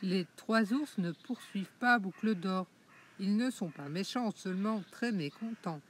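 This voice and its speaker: A woman narrating a children's audiobook in a slow, clear and expressive way. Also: mid-range voice, a little hiss or hum. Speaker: storyteller.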